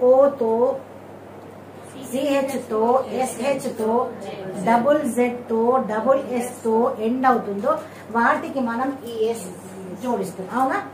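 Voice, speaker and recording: A woman's voice: a little high, unhurried, long pauses, roomy sound, far from the mic, background noise. A woman with a Telugu accent teaching English verb forms, repeating words and checking with "okay?". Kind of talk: classroom grammar lesson.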